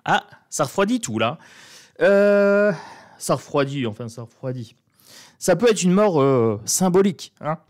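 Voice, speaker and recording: A man with a northern French accent talks through a tarot spread in a loose, chatty way, throwing in mocking asides. His voice sits a bit high for a man. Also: animated, measured pace, a little mellow. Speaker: tarot card reader. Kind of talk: casual tarot reading monologue.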